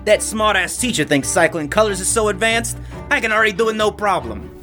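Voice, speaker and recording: A woman's voice: medium pitch, animated, brisk, fairly bright tone, faint music behind, lightly acted. Woman doing a smug cape boy wizard, snarky, lots of swing in the voice.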